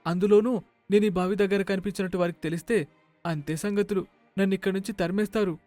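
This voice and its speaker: A man's voice: high voice, steady tone, fast, warm tone, dry recording, faint music behind, voice pushed up, close to an everyday voice. A man voicing a timid little village boy who is afraid of being chased off, in a cartoon story. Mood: fearful. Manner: fearful, pleading.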